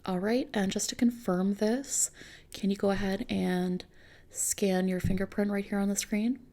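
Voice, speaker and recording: In an ASMR roleplay, a woman plays a customization consultant and speaks softly, often slipping into a whisper. Her voice is medium-pitched, steady, and a little slow, and her manner is gentle, reassuring, and attentive, like client-service talk.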